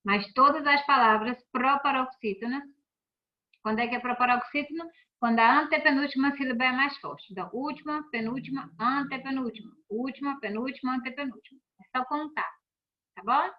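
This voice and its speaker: A woman teacher talks through a recorded class with patient, step-by-step explanations, pausing often to check that students follow. Her voice sits a little high. The sound is dull and lo-fi. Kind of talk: recorded remote class lesson.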